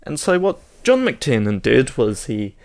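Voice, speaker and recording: A man with a mid-range, darkish voice co-hosts a podcast in a casual chat. His delivery is sing-song and unhurried as he tells wry film anecdotes, laughing along the way.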